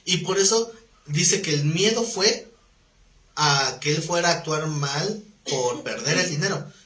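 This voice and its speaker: A man teaching a live Bible class, animated, breaking into quoted voices. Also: unhurried. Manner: animated, acts out quoted voices with rising pitch. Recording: roomy echo.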